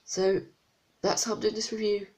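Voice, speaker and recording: A toy set gets a casual vlog review from someone with a blocked nose who rambles and sounds unsure in their asides. The mid-range voice is flat and somewhat dark, delivered at a moderate pace.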